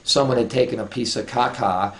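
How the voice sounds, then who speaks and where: A man's voice: medium pitch, steady tone, fairly quick, a little hiss or hum. A man telling a long story in a casual, profane way, rambling with many restarts and asides.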